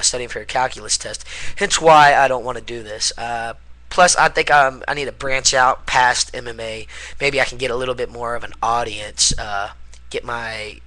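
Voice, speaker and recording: Casting: young male vlogger, bright forceful voice, wired on too much caffeine, loose unscripted rambling. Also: mid-range voice, poor audio. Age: young adult. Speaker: video blogger. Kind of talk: casual unscripted vlog chat.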